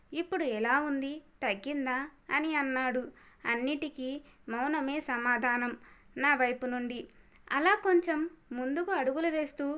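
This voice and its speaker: A woman storyteller reading an emotional first-person story in a soft, measured way. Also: sits high, clear, resonant tone, highs cut off.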